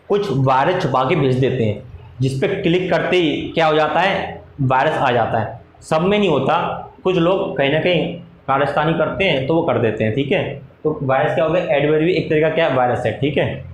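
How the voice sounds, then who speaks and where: A man teaching a class, dictating notes slowly, repeating phrases and answering his own questions in a lower voice. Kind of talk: classroom lecture. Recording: echoey room with faint noise.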